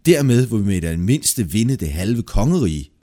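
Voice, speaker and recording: A man's voice: on the low side, big pitch swings, dark tone. A man voicing a sly, greedy male wanderer who boasts and lies, with a brash, wheedling manner in a read-aloud folk tale. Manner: brash, wheedling, yelps when scared.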